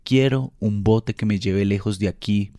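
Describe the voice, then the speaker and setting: A man's voice: fairly low pitch, unhurried, mellow, no room sound, clean studio sound. A man reading as a weary aging boy.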